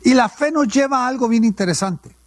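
A male pastor with a very high-pitched voice preaches briskly, putting questions to the congregation and answering them on his own in call-and-response style. The recording is dry, with clean studio sound.

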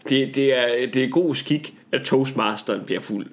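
A man from Jutland chats casually in a medium-pitched voice. His delivery is halting, with a teasing edge toward the person he talks to. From Jutland, Denmark. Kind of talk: casual chat.

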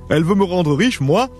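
A man's voice: high-pitched, a little mellow. A man playing a rich, pushy, boastful man in a radio drama who stammers and gives orders, with faint music behind. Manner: stammering, bossy, laughs at his own words.

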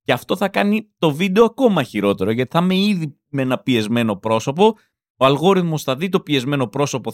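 A man's voice: medium pitch, no room sound, clean studio sound. A man in his thirties, a comedian hosting his podcast, telling rambling, self-mocking stories in a comic monologue. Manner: animated, rambling, self-mocking, acts out quotes.

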